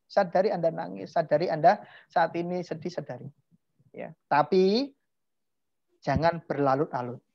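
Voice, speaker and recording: A man delivers a motivational talk in a hypnotherapist's manner. He jumps from loud, emphatic exclamations to quiet, drawn-out asides. The recording sounds dull and lo-fi. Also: fairly high pitch. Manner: emphatic, swings between loud exclamations and soft, slow asides.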